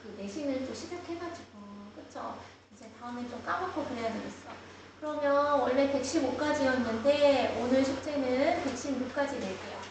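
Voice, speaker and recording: High-voiced woman teaching in an echoey room. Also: normal speed, few pauses, background noise. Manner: explains step by step, asks the class questions. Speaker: English teacher. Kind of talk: classroom lesson. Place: classroom. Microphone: screen-recorded, far from the mic. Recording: roomy classroom, distant mic.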